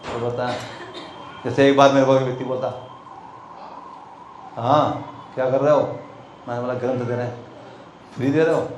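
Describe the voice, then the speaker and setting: Animated male storyteller in echoey hall. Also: medium pitch, normal speed, pauses often, muffled recording. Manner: animated, acts out dialogues, laughs often. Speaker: monk telling book distribution stories. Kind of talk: storytelling talk to a group. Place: temple hall. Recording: echoey hall, faint background noise.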